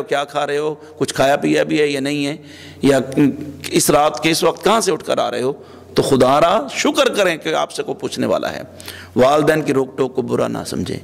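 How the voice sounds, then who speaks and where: A man's voice: fairly high pitch, vocal fry. A man preaching a sermon as a religious scholar, pleading in repeated, emotional phrases. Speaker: Islamic preacher. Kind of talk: Urdu sermon. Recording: long hall reverb.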